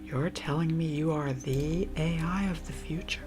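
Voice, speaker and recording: A woman's voice: low-pitched, fairly even intonation, normal speed, close to an everyday voice. A woman playing a sardonic scientist in an ASMR role-play, dry, questioning and challenging. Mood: skeptical. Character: skeptical, sardonic scientist, creator of an AI.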